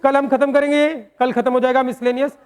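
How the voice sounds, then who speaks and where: A man teaching a maths lesson to a class in speech, quizzing students with quick questions and joking with them. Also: extremely high pitch, level tone, clear, resonant tone.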